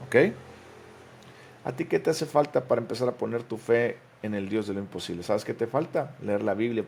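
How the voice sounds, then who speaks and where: A man's voice: fairly low pitch, vocal fry, mellow. A man preaching a sermon, reading scripture and explaining it with strong emphasis, often asking the listener questions. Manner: emphatic, rising to stress key phrases.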